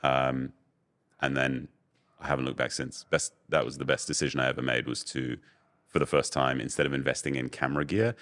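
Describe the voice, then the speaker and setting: A young adult man with a very deep voice, telling candid stories in a casual podcast interview as a guest. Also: fairly quick. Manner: relaxed, candid storytelling with many fillers. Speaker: guest, voice-over artist and agency owner.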